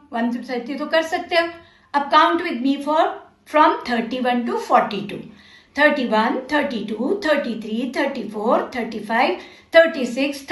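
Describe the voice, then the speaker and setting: A woman's voice: high-pitched, fairly bright tone, reverberant. A woman teaching a children's literacy lesson, patient and encouraging, slipping between Hindi and English.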